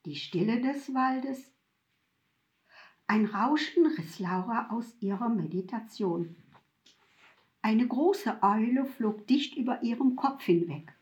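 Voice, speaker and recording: Slow, expressive woman narrating a story. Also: a little high, muffled recording. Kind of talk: scripted narration.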